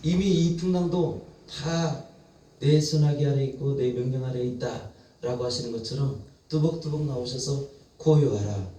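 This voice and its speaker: A man's voice: a little high, dark tone, distant mic. Man preaching in an echoey church. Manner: vivid retelling with repeated phrases. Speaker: pastor. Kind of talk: sermon. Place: church sanctuary.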